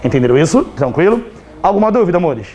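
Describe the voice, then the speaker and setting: A man with a Brazilian Portuguese accent teaching grammar in a live class, chatty and teasing, constantly checking whether students understood, his voice slightly hoarse. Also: fairly high pitch, very animated, fast, a little mellow, lo-fi sound.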